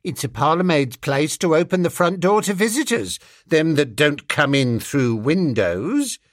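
A man's voice: fairly high pitch, animated, a little slow, no echo, clean studio sound. A man doing a haughty sniffing parlour maid.

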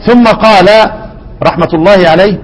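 A man with an Egyptian accent teaching a lesson on Quran readings, quizzing his students with rhetorical questions and slowly repeating words. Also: high-pitched, long reverb tail, poor audio. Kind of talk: lesson explaining a classical poem on Quran readings.

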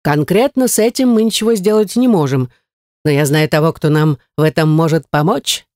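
Woman reading a bossy male talking skull, barks orders, mellow low voice, dry close mic. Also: moderate pace, no echo, close to an everyday voice. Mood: reassuring. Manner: gruff commanding outbursts.

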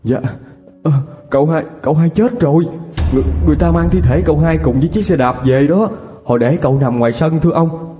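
A stammering, choked-up young servant, as a male storyteller puts him on. His voice is raised higher than a man's usual and rushed, with a long reverb and faint music behind. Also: warm tone, close to an everyday voice. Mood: distraught. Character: distraught young male servant, bearing bad news.

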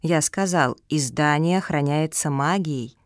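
A smart, steady male pug from a children's storybook, speaking firmly and evenly in a low voice, as a woman narrator puts him on. The sound is dry and close. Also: measured pace, no room sound. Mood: measured. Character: clever, firm male pug scholar.

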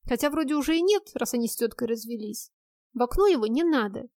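A sarcastic, outspoken young woman friend grumbles and teases, put on by a woman narrating a storybook. Her voice sits high and sharp-tongued. The sound is close and dry. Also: lively intonation, quick pace, dry recording, close to an everyday voice. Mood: breezy. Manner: blunt, mocking, grumbling.

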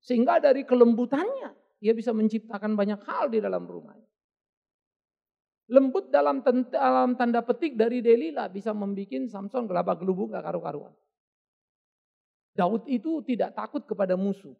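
A man preaching a sermon in a lively, conversational way, acting out quoted asides. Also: very high voice, moderate pace, creaky. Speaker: pastor. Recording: dull lo-fi audio.

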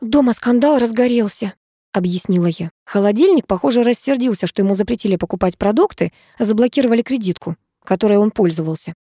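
Female audiobook narrator, wry and even; mellow tone, dry. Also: mid-range voice, fast, few pauses, dry recording. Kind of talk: scripted narration.

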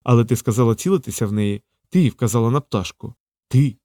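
A man's voice: mid-range voice, fairly quick, dark tone, dry recording, studio quality, lightly acted. A man reading an earnest worried young man.

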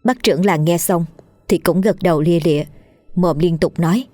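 A woman with a low voice reads a horror tale in a steady, measured way. The recording is dry and close, with soft background music. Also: dry recording. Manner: steady storytelling. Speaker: narrator. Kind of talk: scripted horror story narration.

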